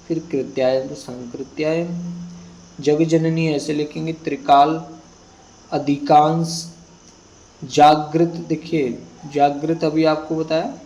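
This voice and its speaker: A man teaching Hindi spelling, reading out a word list slowly and repeating each word for students to copy. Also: fairly high pitch, warm tone, poor audio. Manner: slow, repetitive word-by-word dictation. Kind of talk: exam prep lesson, reading word list.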